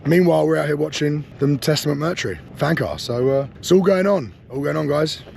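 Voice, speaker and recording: A man's voice: fairly high pitch, brisk, a little mellow. A man vlogging at an airfield, talking casually and joking with laughs between lines. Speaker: car vlogger. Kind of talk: casual vlog chat. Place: outdoors at an airfield near cars. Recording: outdoor vlog with clear background noise.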